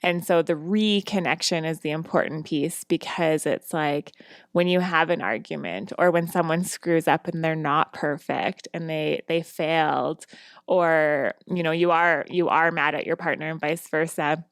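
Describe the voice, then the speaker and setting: A woman talks casually on a podcast, her voice sitting a little low. She chats freely, filling her sentences with "like" and laughing often. The sound is dry and close, with no room around it. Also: steady tone, a little slow, no echo. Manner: chatty, many "like"s and frequent laughs. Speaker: podcast co-host.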